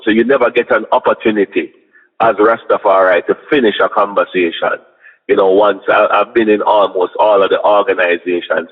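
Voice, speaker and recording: A Jamaican man with a fairly low voice reasons in Rasta speech as an interview guest. He is reflective and measured, pausing as he builds his point. The sound is thin and band-limited, with a long reverberant tail. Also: narrow, tinny audio.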